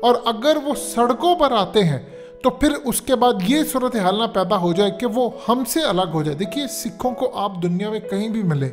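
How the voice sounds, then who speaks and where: Male political commentator, pitched high, emphatic lecturing delivery, soft music bed. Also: lively intonation, moderate pace. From Pakistan. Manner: emphatic, lecturing, repeats "dekhiye".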